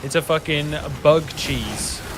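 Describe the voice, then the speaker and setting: Speaking slowly in a voice on the high side, a man in his thirties with a West Wales accent rambles to his stream during a game, cursing freely and laughing readily. The background is noisy, with music behind him.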